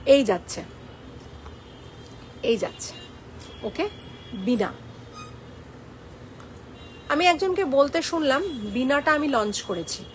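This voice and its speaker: Woman, high voice, live-stream sales chat, playful and teasing, code-switching to English. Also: big pitch swings, takes it slowly, long pauses, a little hiss or hum.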